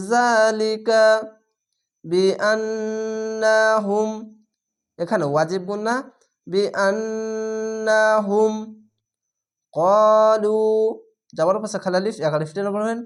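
A Quran reading teacher giving a spelled-out recitation lesson, naming each letter and then chanting the words slowly. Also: mid-range voice.

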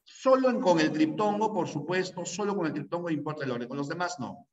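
A man's voice: fairly high pitch, animated, fairly quick. A male language teacher giving a classroom lecture, repeating rules again and again and checking in with students. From Peru. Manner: repeats key rules over and over, drilling students; asks frequent checking questions. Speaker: pre-university language teacher. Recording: echoey room, distant mic, dull sound.

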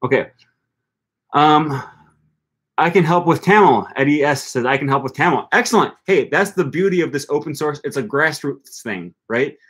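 An upbeat young man hosts a language-learning channel, chatting on a relaxed livestream and reading and reacting to viewer comments while he thinks aloud with frequent ums and restarts. His fairly high, husky voice moves at normal speed, picked up close by a desk microphone in front of him in a small indoor room with a bookshelf.

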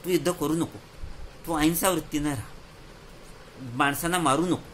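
A man voicing calm, gentle Krishna. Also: fairly high pitch, normal speed, a little hiss or hum, close to an everyday voice. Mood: gentle coaxing. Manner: soft, pleading, peaceable. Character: calm, gentle, smiling divine male hero.

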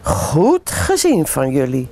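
A woman reading a bedtime story, voicing a calm, kindly hospital nurse who reassures children. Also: very deep voice, slow, slight background noise, voice pushed down, heavily acted. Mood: reassuring.

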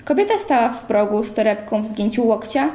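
A woman reading a novel aloud at a steady pace in a library. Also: fairly high pitch, fairly quick. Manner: steady literary narration. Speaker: reader. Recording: roomy echo.

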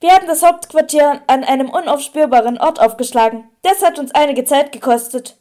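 Lady reading calm friendly wizard man, mellow and steady, audiobook. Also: high voice, fairly quick, close to an everyday voice. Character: calm, kind middle-aged male wizard.

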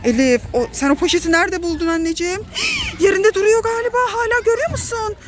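A woman with a Turkish accent narrates a family pretend-play vlog as a mother talking to her kids. Her voice sits very high, and she fills it with excited, dramatic warnings. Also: quick pace, background noise. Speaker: mother filming her children.

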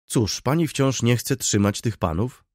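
A man's voice: mid-range voice, lively intonation, a little slow, a little mellow, no echo, clean studio sound, voice pushed up. A man voicing a terse, stern judge. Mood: questioning. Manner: terse, matter-of-fact. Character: stern older male judge, dry and businesslike.

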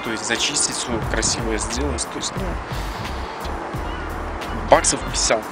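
A man in his thirties chats outdoors as a repairman explaining his work, with loud music behind him. His r is burred and non-standard. He builds his sentences haltingly, piece by piece, with plenty of fillers. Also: mid-range voice. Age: 30s. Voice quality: burred, non-standard r, as the page's nickname says. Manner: halting, piecemeal phrasing with many filler words. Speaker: car body repairman. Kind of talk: casual explanation in an interview. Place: outdoors in a dirt lane between garages.

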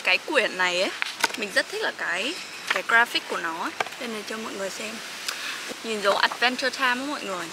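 A woman's voice: a little high, animated, fast, very noisy. A young woman from Vietnam chatting casually in a student vlog, with lots of fillers and frequent laughs. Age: young adult. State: sleepy. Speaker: vlogger, master's student.

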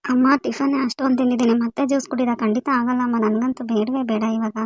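A married daughter home on a visit , played by a woman, talks politely at a very fast clip. Her voice sits fairly high and stays even, recorded dry and close. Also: no room sound, natural voice. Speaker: daughter in a family skit. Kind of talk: amateur village family skit.

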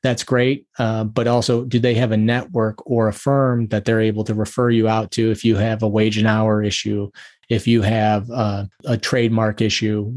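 This male attorney guest speaks in a lowish, darkish voice, giving interview answers and advice. He's methodical and practical, listing question after question.

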